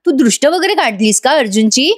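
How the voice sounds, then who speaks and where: A woman's voice: sits high, animated, brisk. A woman voicing a cheerful young man who teases his friend playfully. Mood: teasing. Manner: playful, teasing.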